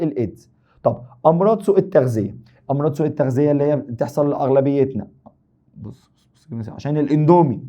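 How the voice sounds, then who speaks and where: A man's voice: fairly high pitch, lo-fi sound. A man with an Egyptian Arabic accent teaching an exam review lesson, joking and teasing his students as he explains.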